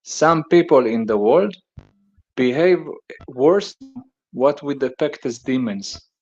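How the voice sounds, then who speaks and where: A man's voice: medium pitch, animated, a little mellow. Hesitant man on a dull lo-fi line. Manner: hesitant, halting with fillers. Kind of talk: casual discussion.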